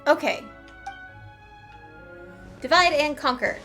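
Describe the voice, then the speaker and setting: A woman with a high voice streams a video game, speaking slowly over the game music. She reads the game text aloud and thinks aloud in short, casual remarks during her live playthrough.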